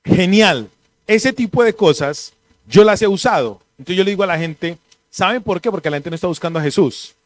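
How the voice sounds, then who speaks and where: A man, a pastor giving a conversational sermon and telling animated, joking stories. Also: sits high, a little fast, no room sound.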